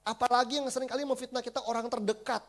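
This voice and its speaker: A male pastor, preaching a sermon in a chatty, animated storytelling manner and often addressing the congregation directly. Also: very high voice, fast. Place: church service.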